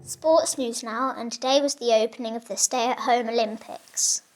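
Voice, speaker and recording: A woman's voice: fairly high pitch, moderate pace, loud music behind the voice, poor audio. A young woman reading out a made-up sports news report from a written script. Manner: reads a written script in a steady way.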